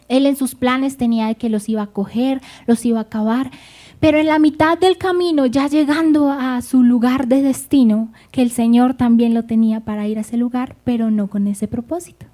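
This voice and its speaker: A woman's voice: high-pitched, warm tone. A woman preaching a sermon, speaking fervently and addressing the congregation directly.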